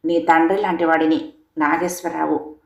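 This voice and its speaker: A woman's voice: sits low, level tone, moderate pace, gravelly, a little mellow. A woman reading a grateful old father's letter. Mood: solemn. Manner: solemn, formal letter reading. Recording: echoey room.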